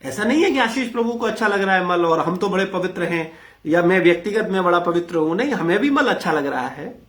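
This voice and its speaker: A man's voice: high voice, expressive, a little fast, a bit bright. A man leading an interactive spiritual discourse, blunt and rhetorical, questioning his listeners. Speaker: spiritual teacher leading a class.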